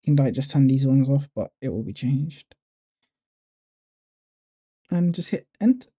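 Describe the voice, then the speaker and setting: Man, deep dark tone, relaxed tutorial narrator who thinks aloud. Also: measured pace, slightly rough. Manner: relaxed, thinking aloud with fillers and self-corrections. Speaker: YouTuber walking through a code editor setup. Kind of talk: casual screen-recording tutorial.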